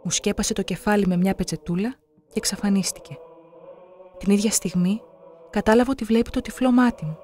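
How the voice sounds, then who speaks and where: A narrator reading scripted documentary passages in a measured, solemn way. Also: medium pitch, mellow, slight background noise.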